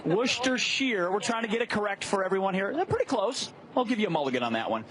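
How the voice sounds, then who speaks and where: A man's voice: sits high, rapid-fire. A man hosting a live morning show segment outdoors on a plaza, quizzing passersby in a joking, upbeat way. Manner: lively, joking crowd interviewer. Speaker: outdoor field host. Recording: outdoor street noise.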